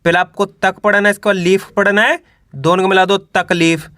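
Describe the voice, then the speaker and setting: A man teaching children to read, patiently sounding out each syllable and repeating every word slowly. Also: sits high, steady tone, pushed and bright, no room sound, clean studio sound. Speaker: Hindi reading teacher. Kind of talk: slow syllable-by-syllable reading lesson.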